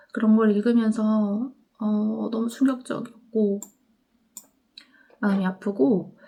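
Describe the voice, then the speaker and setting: Earnest young woman with a mellow voice. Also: a little high, gravelly. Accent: Gwangju. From Korea. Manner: earnest, halting, often trailing into soft whispered ends. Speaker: book vlogger. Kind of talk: personal reflective talk.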